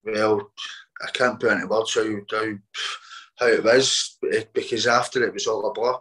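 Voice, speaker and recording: A man's voice: fairly low pitch, steady tone, fairly bright tone, low-quality recording. Boxer telling his story. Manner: halting, repeats words, quotes others as he tells it. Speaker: boxer being interviewed. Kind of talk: casual interview storytelling.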